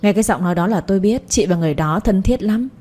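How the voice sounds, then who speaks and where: A woman voicing a sharp-tongued older mother-in-law who scolds and nags in a raised voice. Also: fast, natural voice. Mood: scornful. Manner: shrill, scornful, nagging.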